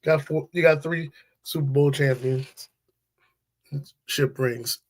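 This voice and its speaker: Blunt, slow-talking sports show host man. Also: on the high side, fairly even intonation. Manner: blunt, opinionated, slangy, talks straight to viewers. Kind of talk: casual sports commentary livestream.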